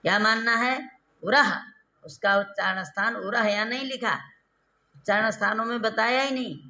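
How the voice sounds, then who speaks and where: A man teaching Sanskrit grammar in a classroom lecture, repeating terms and quizzing his students with rhetorical questions, slowing down and drawing out key syllables. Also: high voice, steady tone, pushed and bright. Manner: slow, drawn-out stressed syllables when explaining.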